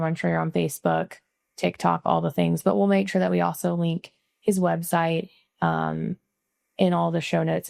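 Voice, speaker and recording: Her voice sits on the low side, gravelly and darkish, recorded at studio quality with no room sound. She's a middle-aged woman from Missouri hosting a podcast, chatting casually through an interview and sign-off while leaning on "like" and "right?".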